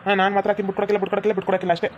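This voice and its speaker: A woman's voice: mid-range voice, little pitch movement, rapid-fire, lo-fi sound, a little hiss or hum, voice pushed down, close to an everyday voice. A woman voicing a stubborn lovesick young man. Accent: North Karnataka Kannada. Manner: sulky, insistent repeating.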